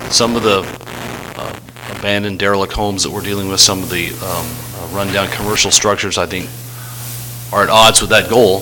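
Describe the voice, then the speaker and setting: A man giving a formal slide presentation as a city staff director, in a halting, hesitant way. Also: lowish voice, sharp tone. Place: public meeting room. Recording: faintly noisy meeting room recording.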